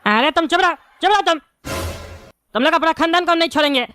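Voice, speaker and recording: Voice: very high voice, fast talker, pushed and bright, faint music behind. A voice actor playing a bald, hot-tempered male politician in a cartoon, given to angry, threatening rants. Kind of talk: cartoon voice acting.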